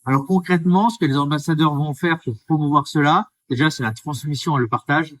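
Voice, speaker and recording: A man's voice: a little high, brisk, a bit bright, distant mic. A man from the Drôme who works as a baker, answering interview questions in an earnest, explanatory way. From France, Drôme. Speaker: baker, guest.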